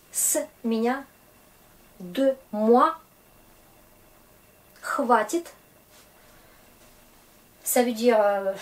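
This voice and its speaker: A woman with a fairly high, mellow voice explains grammar to French learners. She speaks slowly and patiently, often hesitating. The audio quality is poor.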